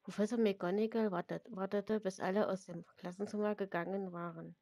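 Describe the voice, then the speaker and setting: A woman's voice: medium pitch, a little fast, creaky, no room sound. Woman reading a story aloud, dry sound. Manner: reads at an even pace with occasional slips and restarts. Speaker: narrator reading her own story.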